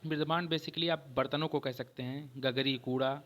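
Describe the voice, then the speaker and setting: A man's voice: medium pitch, steady tone, a bit bright. A man teaching an exam-prep history lecture, explaining step by step and often checking in with his students. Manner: repeats "ठीक है" often, explains slowly with restarts.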